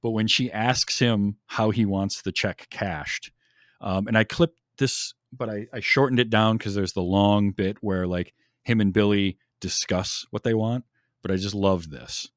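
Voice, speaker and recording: Man, podcast host, casual rambling chat, enthusiastic, fillers, lowish voice, dry close sound. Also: unhurried, no room sound. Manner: rambling, enthusiastic, many ums. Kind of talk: casual chat about a film.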